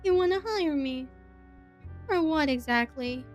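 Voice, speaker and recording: A hard-edged, wary investigator who snaps back bluntly, as a woman puts her on. Her voice sits high and lifted above the narration, with faint music under it. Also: expressive, unhurried. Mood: guarded. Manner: blunt, sharp retorts. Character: tough, guarded female investigator, wary and blunt.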